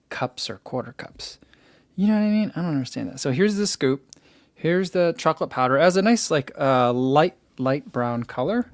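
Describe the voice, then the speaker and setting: Chatting and reading comments into a desk mic beside his computer, a young man hosts a casual running live stream from a room in his home. His soothing voice sits at medium pitch, with no room sound at all. His manner is relaxed and talkative, full of easy laughter and lots of fillers.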